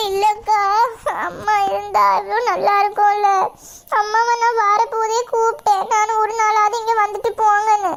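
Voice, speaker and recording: A performer doing a squeaky little cartoon girl. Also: level tone, moderate pace, a bit bright, a little hiss or hum. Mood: tearful. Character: small girl missing her mother. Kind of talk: cartoon voice acting.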